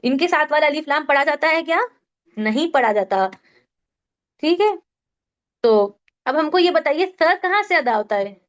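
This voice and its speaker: A woman's voice: sits high, animated, a little slow, pauses often, dull audio. A woman teaching a Quran recitation class online, explaining rules patiently step by step and quizzing her students. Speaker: tajweed teacher.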